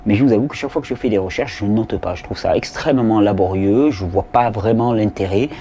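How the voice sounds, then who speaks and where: Man, mellow tone, casual Q&A host, rambling with fillers, faint noise behind. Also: fairly low pitch, quick pace, muffled recording. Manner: rambling, repeats words, many fillers. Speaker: host answering viewer questions. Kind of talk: casual spoken Q&A.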